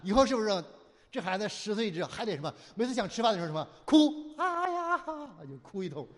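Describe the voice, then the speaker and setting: Male pastor, high and lively delivery, call-and-response sermon style, long hall reverb. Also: fast. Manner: preaching with constant rhetorical questions for the audience to answer; acts out whining, pleading prayers in a mocking voice.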